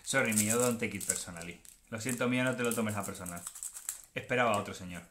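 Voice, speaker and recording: A man's voice: on the low side, quick pace, noisy background. A man with a Spanish accent from Spain, hosting a card unboxing and chatting in a playful, joking way. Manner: chatty and playful, often joking and self-mocking. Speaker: card unboxing channel host. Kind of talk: casual unboxing commentary, switching between Spanish and English.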